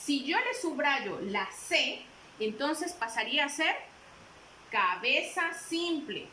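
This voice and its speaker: A woman teacher explains a lesson patiently, repeating herself and quizzing her listeners. Her voice is high and bright, and she speaks at an unhurried pace. The sound is roomy, with faint noise behind her. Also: sing-song. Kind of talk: classroom lesson.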